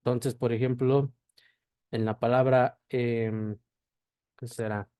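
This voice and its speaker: Male teacher, unhurried, warm low tone, keeps asking "¿sí?". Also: little pitch movement, smooth, no echo. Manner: checks in with a constant "¿sí?" after each point; spells out sounds slowly, one at a time. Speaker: language teacher. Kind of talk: slow classroom explanation.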